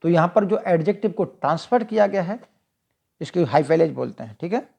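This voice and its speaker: A teacher with an Indian accent explaining exam questions. The teacher reads each English question slowly, asks it back to the listener and then answers it. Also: medium pitch, lively intonation, creaky, darkish tone. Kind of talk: explaining multiple-choice questions.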